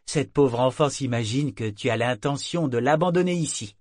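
A man voicing a lively female living ship figurehead with a rich timbre, fond, teasing and energetic. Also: medium pitch, moderate pace, dry recording, clean studio sound, pitched above the performer's own voice, lightly acted. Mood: protesting. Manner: energetic, chiding.

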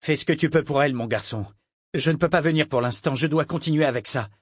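Man playing a gruff barking sea captain. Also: fairly high pitch, quick pace, dry recording, clean studio sound, voice pushed up. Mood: weary kindness. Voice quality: barking, commanding. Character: gruff male ship captain shouting orders. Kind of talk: audiobook character voice.

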